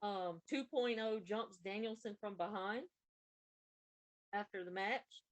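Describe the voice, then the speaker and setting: A woman co-hosting a podcast, walking through matches step by step in a relaxed, conversational way. Her voice sits at an ordinary middle pitch as she recaps each moment. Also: slow pace, rough recording. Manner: recaps events in a plain, running play-by-play way. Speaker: podcast co-host. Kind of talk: casual wrestling recap.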